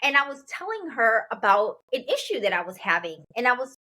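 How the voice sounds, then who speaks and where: A lively woman in her forties from Chicago hosts a casual interview chat, frequently repeating and echoing what her guest says. Her voice is a little high and brisk.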